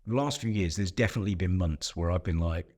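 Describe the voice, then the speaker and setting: A man's voice: deep voice, quick pace, a little mellow. A middle-aged man talking as a podcast guest, reflective and telling stories in casual conversation. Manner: reflective, storytelling.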